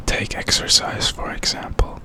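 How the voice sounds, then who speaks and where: A man whispers an ASMR pep talk, entirely without voice. The whisper is crisp and bright, and he takes his time. He sounds reflective and encouraging, offering positive affirmations. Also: a little slow. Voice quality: unvoiced, breathy whisper. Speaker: ASMR creator.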